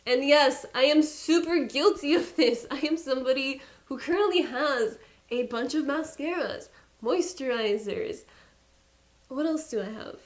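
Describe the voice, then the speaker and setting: A young woman beauty vlogger chatting casually to her viewers, candid and playful with self-mocking asides. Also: sits high. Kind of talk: casual chat to camera.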